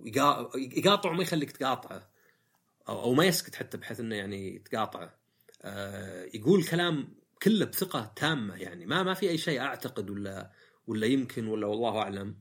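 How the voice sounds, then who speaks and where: A man's voice: mid-range voice, very animated, fast talker, fairly bright tone, slightly rough. A man hosting a casual monologue podcast, reflective and rambling, with frequent fillers and self-corrections. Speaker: podcast host.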